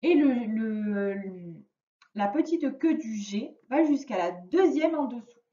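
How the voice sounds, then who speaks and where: Primary teacher, woman, fairly high voice, patient and careful, taped in an echoey room. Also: expressive, warm tone. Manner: slow, patient, clearly articulated instructions. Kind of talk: remote reading lesson for a young child. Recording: roomy, distant, dull lo-fi sound.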